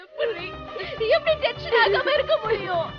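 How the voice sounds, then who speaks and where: A woman's voice: extremely high pitch, sing-song, moderate pace, dull audio. An actress playing a distraught young woman who cries and accuses her husband in a TV serial. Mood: tearful. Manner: tearful, pleading, accusing. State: crying. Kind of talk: TV serial acting. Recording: with background music.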